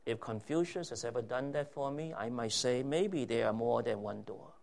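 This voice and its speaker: Gravelly man preaching with emphasis. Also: medium pitch, darkish tone. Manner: emphatic preaching with rhetorical questions, drawn-out stressed phrases. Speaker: pastor. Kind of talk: sermon.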